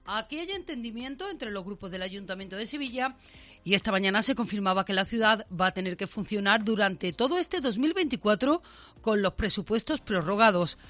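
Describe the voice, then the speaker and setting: Bright-voiced woman reading radio news. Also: mid-range voice, animated, dry recording. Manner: brisk, conversational news delivery. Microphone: studio microphone.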